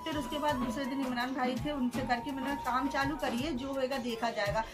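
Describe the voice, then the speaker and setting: A woman's voice: sits high, fairly even intonation, fairly quick, music in the background. A woman recounting an incident to an interviewer, quoting the people involved as she tells it. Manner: storytelling, quoting others' words, frequent "haan, ji". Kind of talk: emotional first-person account.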